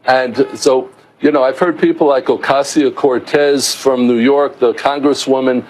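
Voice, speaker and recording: A man's voice: medium pitch, fairly even intonation, measured pace, darkish tone, low-quality recording. A middle-aged man from the United States, appearing as a guest on a news show. He lays out his points at length, often stumbling and restarting his sentences as he explains. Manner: explanatory, with frequent restarts and fillers. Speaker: interview guest, author. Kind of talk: remote news interview.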